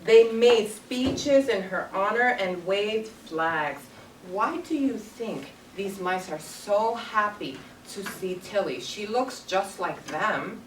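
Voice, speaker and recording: Reading slowly in a mid-range voice with lively intonation, a young woman primary teacher shares a story with young children on a classroom carpet. She pauses to ask questions and echoes what the pupils answer, picked up by a distant camera microphone as echoey, distant, noisy sound.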